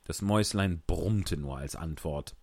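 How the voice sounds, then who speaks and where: A man reading a children's story aloud in an expressive manner, adding casual asides. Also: sits low, measured pace, no echo. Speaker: audiobook reader.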